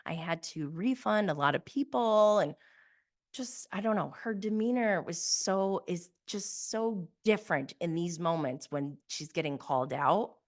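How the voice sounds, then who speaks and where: A woman's voice: fairly low pitch, a little slow. A woman giving a casual, conversational recap of reality TV as a host, opinionated and emphatic in how she makes her points. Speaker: podcast host.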